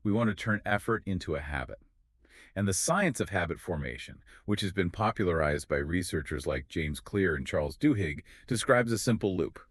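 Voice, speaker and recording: A man's voice: low voice, animated, moderate pace, no room sound, clean studio sound. A man co-hosting an explanatory podcast, confidently walking through ideas step by step. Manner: confident, explains in clear steps. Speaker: podcast co-host.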